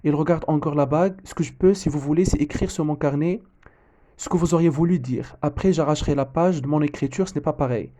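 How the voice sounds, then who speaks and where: A man's voice: a little high, fairly quick, dark tone, close to an everyday voice. A man reading a wary prison guard's lines aloud from a play, as a teacher. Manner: plain reading aloud from a script.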